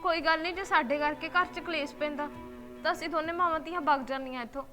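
Woman as upset daughter begging her mom to stop, very high voice, music clear underneath. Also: steady tone, quick pace, natural voice. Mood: pleading. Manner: pleading, then defiant. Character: hurt grown daughter defending her father.

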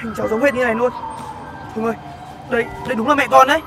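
A man's voice: very high-pitched, racing. An actor playing a kind man who defends the orphan boy he adopted, speaking firmly and reasoning with the mother in a scripted web sitcom. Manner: firm and protective, reasoning calmly. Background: background music.

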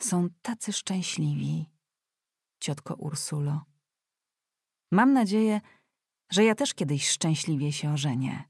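A woman's voice: low-pitched, lively intonation, takes it slowly, long pauses, a little mellow, husky, no room sound, full character voice. A woman reading an audiobook voices a young nobleman who speaks politely but with dry irony. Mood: wry. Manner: dry, ironic, politely joking. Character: young nobleman, wry and easygoing.

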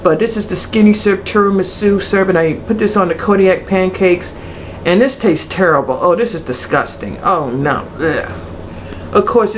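A woman's voice: fairly low pitch, darkish tone. Middle-aged woman, blunt, noisy webcam. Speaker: product reviewer. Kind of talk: casual vlog review. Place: small cluttered room indoors. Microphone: webcam at arm's length. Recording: noisy webcam recording with room ambience.

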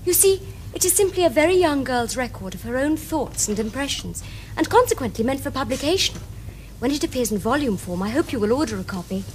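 A young actress with a high, very animated voice plays a prim, romantic Victorian lady in a televised period stage comedy, speaking a little fast with slight background noise. Prim and eager, she delivers precise, formal, earnest English Received Pronunciation.

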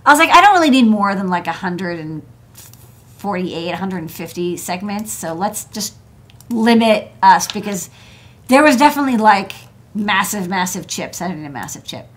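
A woman in her thirties, an electronics engineer who hosts a desk show, sits at her workshop desk and talks through parts casually and chattily, with lots of fillers and restarts. Her voice is mid-range and slightly bright, with lively intonation at a normal speed.

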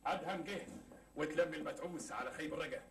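A man's voice: on the high side, fast talker, a bit bright, close to an everyday voice. An actor with an Egyptian accent playing a proud, wounded man who quotes proverbs with theatrical flair in a TV sitcom. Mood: mock-dramatic. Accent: Egyptian Arabic. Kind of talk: 1980s Egyptian TV sitcom acting.

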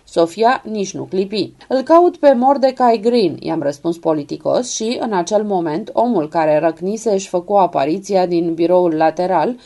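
A woman reading an audiobook in a measured, even storytelling manner. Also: on the low side. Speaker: audiobook narrator. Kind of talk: scripted narration.

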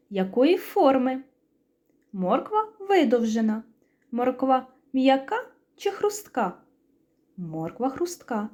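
Woman teacher, Ukrainian accent, gently sing-song for small children, mellow and unhurried. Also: on the high side. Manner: slow, sing-song, clearly enunciated question and answer. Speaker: preschool teacher. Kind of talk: speech lesson for young children.

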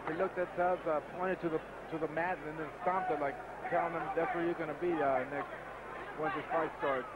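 A man giving conversational live boxing commentary in a halting, hesitant way. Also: on the high side, fairly even intonation, dull audio. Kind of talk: conversational live sports analysis. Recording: very loud crowd and noise.

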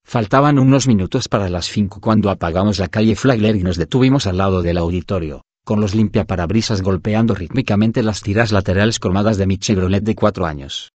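A man with a low voice reads an audiobook in scripted narration. His delivery is steady and even, and he sometimes reads punctuation marks aloud. The sound is dry and close, with no room echo. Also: fairly quick, few pauses.

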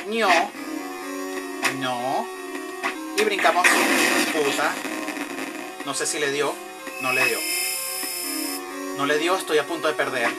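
A man giving live commentary over a video game, excitedly cheering himself on and swearing as he plays. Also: a little high, poor audio. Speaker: gameplay commentator. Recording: loud game music behind the voice. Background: loud video game music.

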